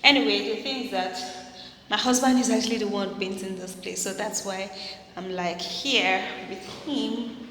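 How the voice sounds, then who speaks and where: A woman's voice: medium pitch, normal speed, fairly bright tone. A woman in her thirties with a Nigerian accent chats casually and effusively to her phone camera, repeating phrases for emphasis. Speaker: vlogger. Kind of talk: casual vlog chat to camera. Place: empty apartment room indoors. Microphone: phone at arm's length. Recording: echoey empty room with background noise.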